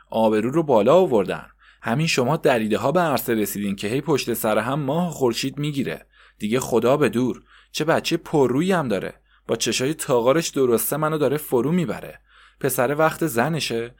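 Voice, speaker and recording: A man voicing a snobbish heavyset woman in a bathhouse who scolds in a shrill, contemptuous way. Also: lively intonation, natural voice. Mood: scornful.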